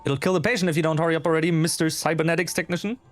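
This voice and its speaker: A man voicing a bossy, impatient female shark nurse in a game, sharp and sarcastic. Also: on the high side, fairly even intonation, very fast, soft background music, close to an everyday voice. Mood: impatient, scolding.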